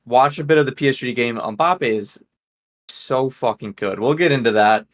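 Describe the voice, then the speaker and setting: A man's voice: mid-range voice, moderate pace. A man hosting a casual sports podcast, leading the talk and lining up topics and questions for his co-hosts. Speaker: podcast host.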